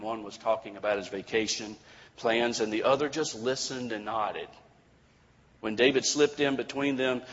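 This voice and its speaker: Low-voiced preacher telling a story in a reverberant hall. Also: male voice. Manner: measured storytelling with dramatic pauses. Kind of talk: sermon storytelling. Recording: dull lo-fi recording with long hall reverb.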